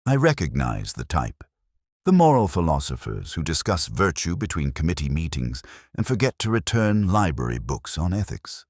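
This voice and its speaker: A man playing a pensive, melancholy police inspector, narrating a mystery in measured, deliberate literary phrasing. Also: extremely low pitch, very animated, darkish tone, husky, dry recording, studio quality, full character voice. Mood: brooding, reflective. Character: pensive, melancholy male Oxford police inspector recounting a case. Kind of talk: scripted literary detective narration.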